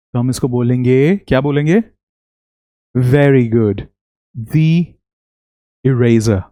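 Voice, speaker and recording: Slow, patient male English teacher. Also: medium pitch, warm tone, no echo, clean studio sound. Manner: slow, patient drills with repeat-after-me prompts; praises often with "very good". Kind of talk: spoken English lesson in Hindi.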